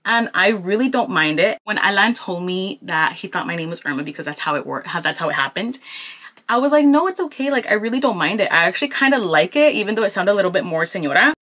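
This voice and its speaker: Fast and medium-pitched, a twenty-something woman from Anaheim, California, talks through a get-ready-with-me vlog in a Southern California American accent. She keeps it casual and slangy, getting animated when she quotes people.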